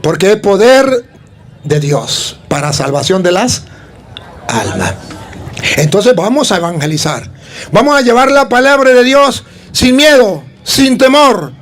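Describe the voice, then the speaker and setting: High-voiced preaching priest. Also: male voice, measured pace. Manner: animated storytelling, acting out voices. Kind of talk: sermon.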